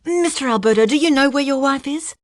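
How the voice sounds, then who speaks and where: A woman voicing a pushy male TV reporter who shouts his questions in an audiobook. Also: sits high, a little fast, no echo, clean studio sound, pitched above the performer's own voice, natural voice. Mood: pressing.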